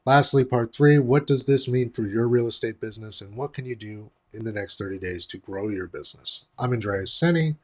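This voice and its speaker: A man hosting a real estate roundtable on a video call, reading a measured scripted introduction while his audio sounds muffled and boxy, as if he were inside a closet. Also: mid-range voice, a little mellow. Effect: muffled, boxy audio, as if speaking from inside a closet.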